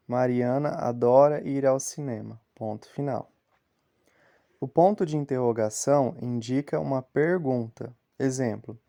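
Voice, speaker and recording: A young man teaching children a grammar lesson, explaining slowly and step by step. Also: medium pitch, dark tone.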